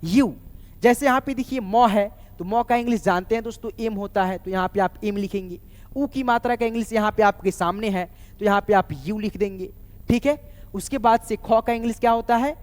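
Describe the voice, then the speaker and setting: A man teaching a lesson, spelling words letter by letter and asking viewers questions. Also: high-pitched. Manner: slow, spells letters out one by one, often asks viewers questions. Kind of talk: spoken classroom lesson. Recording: long reverb.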